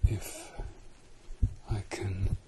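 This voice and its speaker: A British man doing an ASMR whispered role-play, soft-spoken and slipping into whispers, giving insistent, repeated instructions and reassurance. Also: extremely slow, very noisy.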